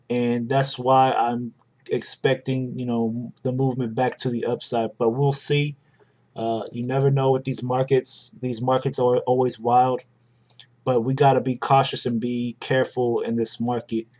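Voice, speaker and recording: Laid-back man chatting on a livestream. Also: mid-range voice. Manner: relaxed, chatty, greets viewers by name. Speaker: livestream host. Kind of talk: casual live-stream chart commentary.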